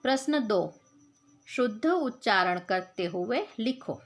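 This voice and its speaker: A woman teacher talks very slowly and patiently to young pupils. She repeats each point, asks the class questions and answers them herself. She drops in the odd English word and spells words out sound by sound. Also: fairly high pitch, animated, soft background music. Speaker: school teacher. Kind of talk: Hindi grammar lesson for children.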